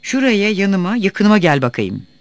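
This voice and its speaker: A man's voice: high voice, big pitch swings, moderate pace, no echo, pitched above the performer's own voice. A man voicing a bossy, bullying middle-aged village headman who barks orders. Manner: loud, bullying.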